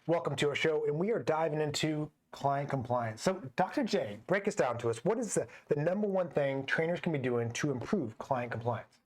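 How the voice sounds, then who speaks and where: A man's voice: on the high side, normal speed, few pauses, darkish tone. A man co-hosting a fitness podcast, telling stories from training clients in a conversational way. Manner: conversational, anecdotal, quotes clients. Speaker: podcast co-host, personal trainer. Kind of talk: casual podcast discussion.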